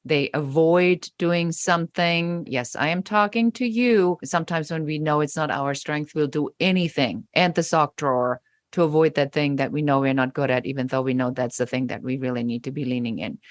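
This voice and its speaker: In studio-quality audio without echo, a German woman whose native language is German speaks at normal speed in a low-sitting voice. She's a business coach being interviewed as a podcast guest, and she speaks emphatically, acting out the remarks she quotes.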